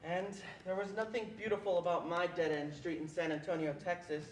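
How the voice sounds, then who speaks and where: Fairly quick and natural, with a medium pitch and fairly even intonation, a young performer narrates as a protective older brother looking back on childhood. The tone is solemn and reflective, and the recording has room echo and faint background noise.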